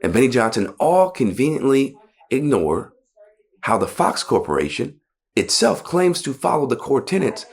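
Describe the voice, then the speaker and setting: A man's voice: mid-range voice, very animated, moderate pace, vocal fry, husky. A man delivering scripted political news commentary in a pointed, conversational way.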